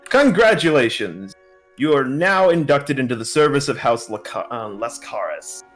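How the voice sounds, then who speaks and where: A man's voice: medium pitch, very animated, fairly bright tone, soft background music. A man voicing a pompous, scheming male noble trader in a tabletop game. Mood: smug. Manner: haughty, drawn-out speech.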